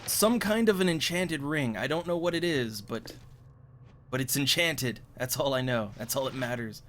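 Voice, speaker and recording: A man's voice: mid-range voice, normal speed, a bit bright. Playful man narrating his gameplay. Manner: playful, thinking aloud. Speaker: let's play host. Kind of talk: gameplay commentary. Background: game music.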